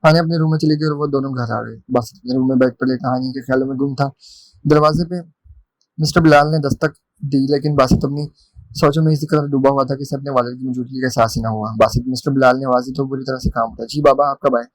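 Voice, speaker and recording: Fast-reading male novel narrator. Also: medium pitch, steady tone, no echo, rough recording. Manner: plain, with small restarts. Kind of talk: storybook narration.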